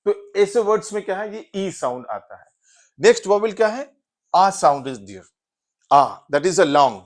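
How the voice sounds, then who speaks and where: A man's voice: high-pitched, big pitch swings. A male teacher with an Indian accent explaining English vowel sounds in a mix of Hindi and English, repeating "yes" and "so" between example words. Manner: drawn-out, repetitive explanation with frequent "yes" and "so". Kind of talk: phonetics lesson mixing Hindi and English.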